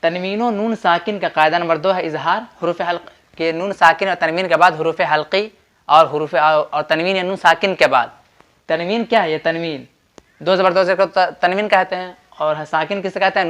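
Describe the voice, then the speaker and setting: Bright-voiced man teaching Quran recitation. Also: high voice, fairly even intonation. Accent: Urdu. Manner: repetitive, patient explaining with drawn-out sample words and quiz questions. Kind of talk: tajweed lesson at a board.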